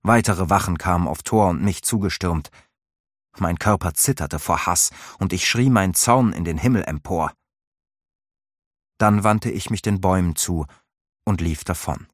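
A man's voice: sits low, moderate pace, no room sound, clean studio sound. A man narrating a fantasy novel in the first person and giving voice to the characters' lines. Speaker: audiobook narrator.

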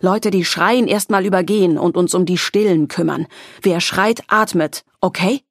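A woman doing a calm young officer giving orders. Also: fairly low pitch, moderate pace, no room sound, studio quality. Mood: firm instructing. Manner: calm, firm and commanding. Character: composed young male officer giving instructions.

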